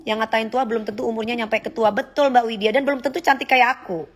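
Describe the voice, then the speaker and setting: Woman in her forties, fairly high pitch, sassy and confrontational live-stream host talking into her phone. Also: fairly even intonation, fast talker, a little hiss or hum. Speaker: livestream host. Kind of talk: casual livestream chat reading comments.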